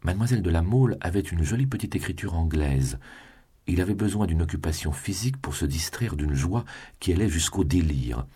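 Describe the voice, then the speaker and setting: Very deep, husky male narrator. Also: animated, fairly quick, dark tone. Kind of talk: audiobook narration.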